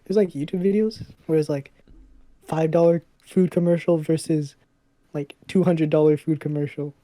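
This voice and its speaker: A man's voice: a little high, fairly even intonation, normal speed, dark tone, dry recording. A young man co-hosting a podcast, chatting casually with many fillers. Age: young adult. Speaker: podcast co-host. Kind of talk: casual chat.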